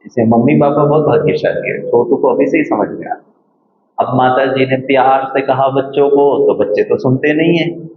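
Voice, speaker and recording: A man giving a spiritual talk to a live audience, slow and playful, acting out scolding mothers and children. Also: mid-range voice. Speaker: spiritual speaker. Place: meditation center hall. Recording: echoey hall, slightly dull sound.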